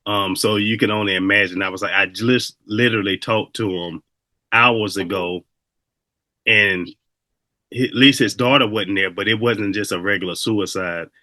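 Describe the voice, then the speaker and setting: Casting: a male host with a low, bright voice who talks in a reflective, conversational way. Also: steady tone, normal speed, dry recording. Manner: reflective, conversational, loose storytelling. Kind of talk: casual interview conversation.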